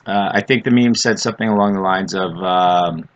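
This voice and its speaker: A middle-aged man with a smoker's rasp giving an opinionated, off-the-cuff monologue, blunt and emphatic, repeating phrases to drive them home. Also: low-pitched, normal speed. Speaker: vlogger on adoptee issues.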